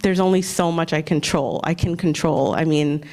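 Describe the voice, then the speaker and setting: A woman's voice: low-pitched, moderate pace, darkish tone. A woman from New Jersey, a parent on a panel, telling her story candidly and emotionally, nervous and near tears, rambling with lots of "like". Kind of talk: panel discussion, personal story.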